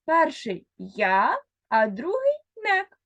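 A woman teacher giving a recorded reading lesson to first graders. She speaks slowly and carefully, sounding out words one by one, and talks straight to a single child, pausing for answers. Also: sits high, wildly swooping pitch, a bit bright, no room sound, lo-fi sound. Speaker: primary school teacher.

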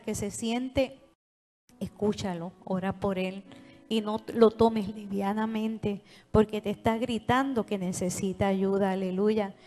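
A woman with a Puerto Rican Spanish accent preaching a sermon in a church, animated and calling on the congregation to answer and repeat after her. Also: fairly high pitch. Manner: animated, call-and-response with the congregation. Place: church sanctuary. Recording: long hall reverb.

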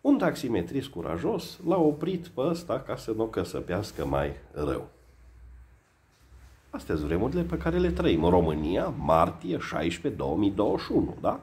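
Sarcastic man. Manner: sarcastic, mocking, lively swings in pitch. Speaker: satirical vlogger. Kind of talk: satirical news commentary.

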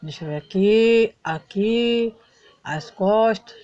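A woman voicing a calm male doctor in a doll soap-opera parody, speaking slowly in a lowered voice. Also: muffled recording, faint music behind, natural voice. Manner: slow, lowered voice. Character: calm male family doctor, mildly joking.

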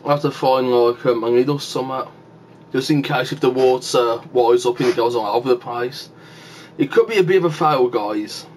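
A man's voice: mid-range voice, moderate pace, darkish tone, slight background noise. A man vlogging casually with his mouth full of sour candy, talking to his viewers in a rambling way through a handheld camera. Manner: rambling and chatty, often addressing viewers as guys. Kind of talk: casual vlog chat.

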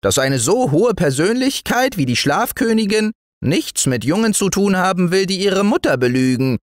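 A man voicing a small gray male forest dwarf in a bedtime storybook, with a thin, high voice and a scolding manner. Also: moderate pace, dry recording, studio quality. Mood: earnest. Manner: scolding, lively. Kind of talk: storybook reading.

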